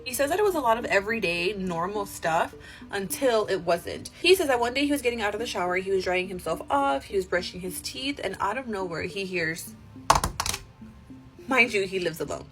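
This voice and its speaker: A woman host telling spooky stories in a casual, animated, conversational way, drawing out words for suspense. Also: mid-range voice, a little fast. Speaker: host reading follower-submitted spooky stories. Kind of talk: casual spooky storytelling to camera. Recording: music behind the voice. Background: music.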